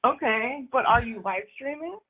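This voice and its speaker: High woman caller, metallic phone voice. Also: animated, bright, forceful tone, husky. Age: 20s. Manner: measured, explains point by point. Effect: metallic, robotic-sounding phone line. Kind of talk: phone-in political debate. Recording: tinny metallic phone line.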